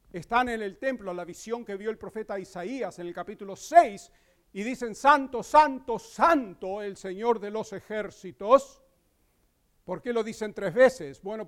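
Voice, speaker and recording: A male pastor preaching a sermon, explaining scripture and asking the congregation rhetorical questions. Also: high-pitched. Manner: reads scripture aloud with slow emphasis.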